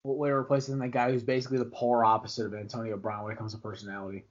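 A young man co-hosting a sports podcast, giving rambling, animated opinions with frequent restarts. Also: mid-range voice, racing. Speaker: podcast co-host. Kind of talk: casual sports chat. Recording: dull lo-fi podcast audio.

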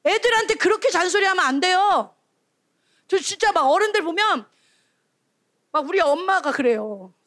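This is a woman preaching to a youth retreat with a high, bright-pitched voice. She is animated, keeps calling out questions, and breaks into little acted-out scoldings. The sound is close and dry. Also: no room sound. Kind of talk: lively sermon to children and teens.

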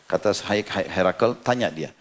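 A man's voice: low voice, expressive, moderate pace. A male preacher from Indonesia giving a sermon, telling a story dramatically and then explaining scripture to his listeners. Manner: dramatic storyteller, voice rising and dropping with the tale. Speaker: Islamic preacher.

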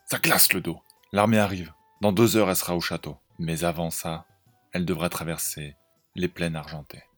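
Male host and storyteller: low-pitched, lively improvised narration over faint music.

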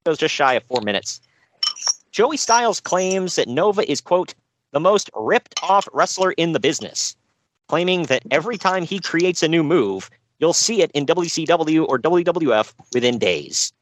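A man's voice: fairly high pitch, expressive, normal speed, fairly bright tone, dry recording. A man co-hosting a podcast, recapping a show with dry sarcasm and frequent laughs. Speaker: podcast co-host. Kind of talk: casual chat.

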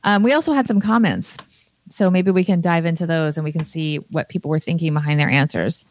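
A woman's voice: deep voice, fairly quick, darkish tone. A woman co-hosting a podcast, talking frankly with a light sarcastic edge. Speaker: podcast co-host. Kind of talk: casual chat.

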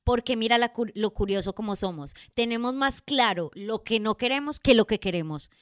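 A woman co-hosts a podcast in casual chat, playful and quick with suggestions. Her voice is smooth and clear. The sound is dry and close. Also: on the high side, no room sound. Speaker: podcast co-host.

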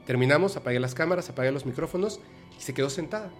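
A man hosting a podcast, telling a personal story in a halting, emotional way with many restarts. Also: a little high, animated, faint music behind. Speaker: podcast host. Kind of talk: personal storytelling in a casual chat.

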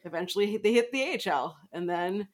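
A woman's voice: medium pitch, lively intonation, brisk. A woman co-hosting a casual sports podcast, joking and laughing often. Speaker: podcast co-host. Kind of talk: casual chat.

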